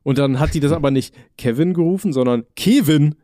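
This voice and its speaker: A man's voice: mid-range voice, quick pace, dark tone, dry recording, clean studio sound. A man telling rambling stories in casual chat as a podcast co-host, full of slang. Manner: rambling slangy storytelling, says "Alter" often.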